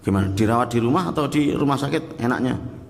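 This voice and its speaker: A man giving a sermon in a big mosque hall that rings with long reverb. His voice is gravelly and sits at a mid pitch. He talks in a chatty way, putting questions to the congregation. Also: animated, fast. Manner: conversational, quizzes the congregation, acts out tearful prayers. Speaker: Islamic preacher.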